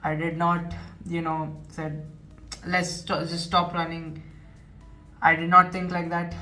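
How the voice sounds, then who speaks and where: Taking it slowly, a nineteen-year-old vlogger with an Indian English accent earnestly retells his experience and keeps repeating himself. His voice is high-leaning, monotone, pushed, and bright, recorded by a distant mic with music playing behind.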